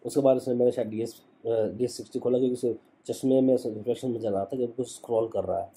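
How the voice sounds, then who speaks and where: A man's voice: mid-range voice, steady tone, fast, dark tone, slightly rough. A young man, a travel YouTuber, telling a story in a casual, slangy way and often adding "ठीक है".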